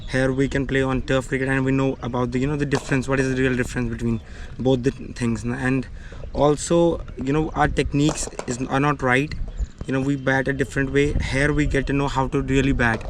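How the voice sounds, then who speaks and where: A man's voice: mid-range voice, flat delivery, fairly quick. A young man with a Kashmiri accent answers interview questions politely, often adding "you know". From Srinagar, Kashmir. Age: young adult. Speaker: junior cricketer being interviewed. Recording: clear background ambient noise.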